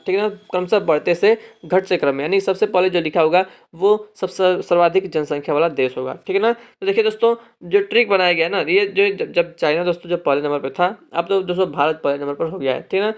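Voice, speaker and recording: A man teaching an exam-prep lesson, explaining memory tricks and checking in with listeners after nearly every phrase. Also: high voice. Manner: explains mnemonic tricks, repeats "ठीक है ना" often; addresses viewers as friends, drawn-out repetitions of key phrases.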